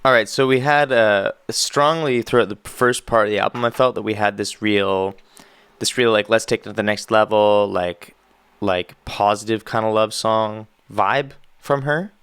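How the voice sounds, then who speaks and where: A man's voice: fairly low pitch, normal speed, fairly bright tone, clean tone, dry recording. Man, Canadian accent, casual reaction commentary, enthusiastic and rambling, dry close sound. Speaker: musician reacting to an album.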